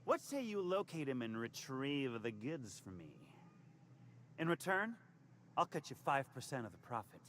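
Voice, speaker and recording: Shifty fast-talking con man from a game, wheedly and stammery, bouncy sing-song voice. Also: mid-range voice, big pitch swings, fairly bright tone, slight background noise. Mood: flustered. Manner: stammering, wheedling salesman patter. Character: slippery fast-talking male hustler, nervous and evasive. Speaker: game character.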